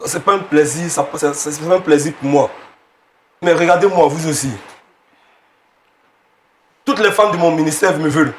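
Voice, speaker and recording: A man's voice: fairly high pitch, moderate pace, long pauses, echoey room, slight background noise. A man on a talk show, defending himself with stammering pleas. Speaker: pastor guest on a talk show.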